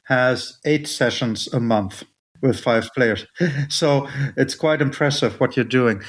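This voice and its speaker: Man interviewer with a mid-pitched voice. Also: takes it slowly. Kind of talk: conversational interview questions.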